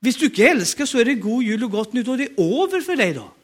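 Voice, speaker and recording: A man's voice: extremely high pitch, big pitch swings, husky. A man with a Norwegian accent preaching a sermon, emphatic and urging the congregation to respond.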